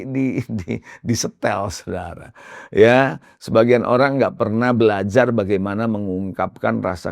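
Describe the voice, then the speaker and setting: Male pastor, gravelly, lively pitch, chatty sermon delivery with direct address to the congregation. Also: no room sound, studio quality. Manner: conversational preaching, addresses listeners as saudara; lively pitch swings for emphasis.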